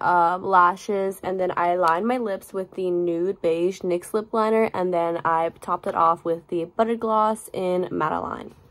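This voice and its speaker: A young woman with a bubbly, girly manner, narrating a casual vlog to camera on a handheld phone. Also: medium pitch. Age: young adult. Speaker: college student vlogger, sorority rush chair. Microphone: phone or camera at arm's length. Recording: noisy handheld vlog, room and street ambience.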